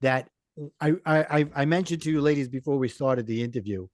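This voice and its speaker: A man's voice: medium pitch, brisk, no echo, studio quality. A middle-aged man with a Brooklyn accent, speaking as an interview guest in an earnest, explanatory way. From Brooklyn, New York. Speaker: podcast guest, life coach and author. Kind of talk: conversational interview, personal storytelling.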